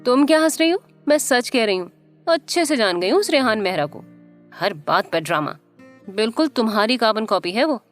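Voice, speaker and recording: A woman's voice: fairly high pitch, expressive, brisk, faint music behind, lightly acted. A woman narrator voicing an insistent young woman in an audio story. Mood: scolding. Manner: insistent, raised voice. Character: young woman, lively and teasing.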